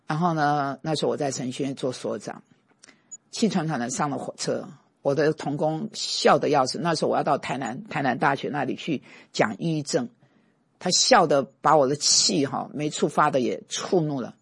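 Gravelly, husky male pastor. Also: fairly high pitch, moderate pace, no room sound, clean studio sound. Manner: emphatic storyteller, bursts of scolding force. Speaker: pastor and teacher. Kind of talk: conversational sermon with personal stories.

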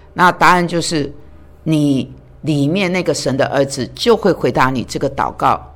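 A woman preacher delivers a sermon in an earnest, searching way. Her voice sits a little low, and she keeps turning to her listeners with questions. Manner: earnest, asks the listeners many rhetorical questions.

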